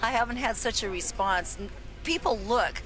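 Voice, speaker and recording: A woman's voice: on the high side, normal speed, poor audio. Woman, 50s, from the United States, enthusiastic, repeating words, outdoor interview, handheld mic. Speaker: interviewee, traveler on the bus. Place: outdoors at a public event. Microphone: handheld mic held by interviewer.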